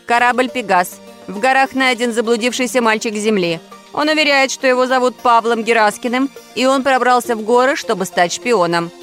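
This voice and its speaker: Brief: woman reading as an announcing dispatcher, loud and official. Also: a little high, moderate pace, soft background music, voice pushed up, natural voice. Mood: urgent. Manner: announcing, formal.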